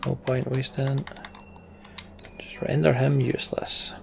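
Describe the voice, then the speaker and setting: Against a noisy background of video game music, a British let's play host reads the on-screen story aloud and mutters wry, casual remarks to himself. He speaks slowly in a creaky, mid-range voice with little pitch movement.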